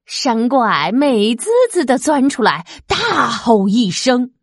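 A woman reading a children's storybook aloud, expressive and lively. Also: on the high side, dry recording, studio quality. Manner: slow, lively, expressive, sound effects.

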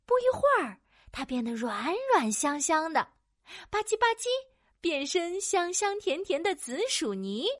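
A woman narrating a children's audio story in a playful, animated way with sound-effect words. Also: sits high, measured pace, no room sound, clean studio sound.

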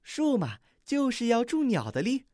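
A storybook reader voicing a kind, playful young deer in a soft, gentle, yielding voice. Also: mid-range voice, huge pitch swings, normal speed, no room sound, clean studio sound, pitched above the performer's own voice.

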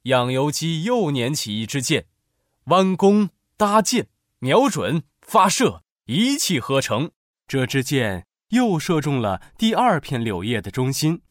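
A man narrating a children's story in an expressive, animated way. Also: a little high, measured pace, dry recording, clean studio sound.

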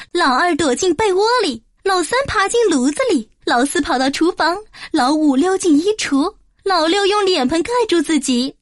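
A woman narrating a children's fairy tale in a clear, measured storytelling manner. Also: sits high, no echo, studio quality.

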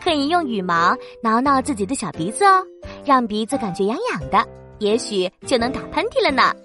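A woman voicing a gentle, coaxing mother in a children's story. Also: on the high side, sing-song, a little fast, music in the background, voice pushed down. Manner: soft, coaxing. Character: warm, gentle cartoon mom.

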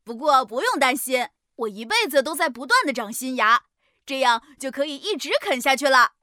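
A high, bright and friendly beaver, played by a woman in a children's storybook, kind, modest and eager to help. He explains things patiently and warmly. The recording is close and dry. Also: animated, moderate pace, dry recording. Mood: explaining. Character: kind, helpful young male beaver, cheerful and modest.

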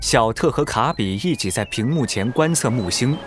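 A man narrating a scripted children's story in a dramatic, expressive way. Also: mid-range voice, moderate pace. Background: prominent music.

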